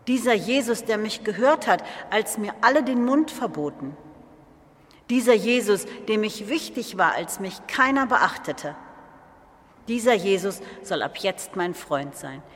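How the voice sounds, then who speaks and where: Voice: mid-range voice, measured pace, close to an everyday voice. Bartimäus, a humble blind beggar, as someone acts him out. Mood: earnest. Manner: earnest, calm storytelling. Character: blind male beggar from Jericho, humble and grateful. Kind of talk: first-person biblical monologue. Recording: long hall reverb.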